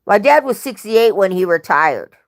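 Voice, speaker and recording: A woman's voice: mid-range voice, big pitch swings, moderate pace. A young woman chatting on a livestream, telling rambling family stories and often correcting herself. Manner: rambling, self-correcting storyteller. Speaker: livestream host. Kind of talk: casual livestream chat.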